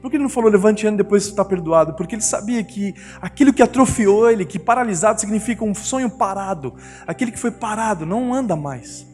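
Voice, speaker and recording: This sermon comes from a middle-aged Brazilian Portuguese–accented pastor whose high voice moves fast with a darkish tone. Storytelling about his family, he acts out how his wife and children sound. Music and the long reverb of the church hall surround him.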